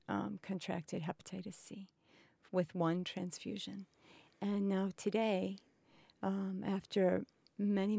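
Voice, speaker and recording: A woman in her fifties speaks slowly and haltingly, pausing often as she answers questions. Her voice carries a gravelly texture. The sound is close and dry, with no room echo. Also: medium pitch, dark tone. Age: 50s. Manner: slow and halting, many pauses and fillers. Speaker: patient advocate. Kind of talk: recorded interview. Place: indoors, cultural center.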